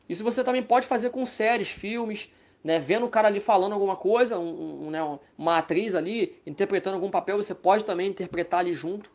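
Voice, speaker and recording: Brazilian woman, online language teacher, relaxed chatty explainer, middle pitch, keeps checking in. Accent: Brazilian Portuguese. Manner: chatty, ends phrases with "tá?" check-ins. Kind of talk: casual online lesson.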